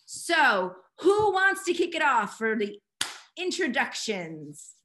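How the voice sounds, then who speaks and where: Excited American woman hosting a call. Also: a little high, takes it slowly, noisy background. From United States. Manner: upbeat, excited, informal with fillers. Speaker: host and youth mentor. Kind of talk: casual welcome on a group video call.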